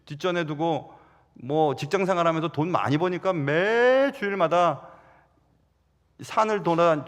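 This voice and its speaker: A middle-aged man preaching a Sunday sermon, telling stories with sudden loud rises and soft drops. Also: fairly high pitch, in a large hall. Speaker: pastor. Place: large church sanctuary.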